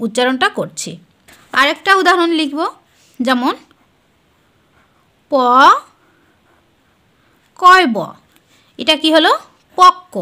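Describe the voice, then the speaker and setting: Woman tutor, high and bright voice, slow careful step-by-step board lesson. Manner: explains step by step, asks and answers her own questions. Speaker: teacher.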